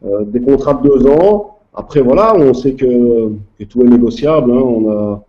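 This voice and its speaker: A man's voice: medium pitch, lively intonation, moderate pace, highs cut off. A man, a club official answering interview questions hesitantly, with many fillers. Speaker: guest, youth club president.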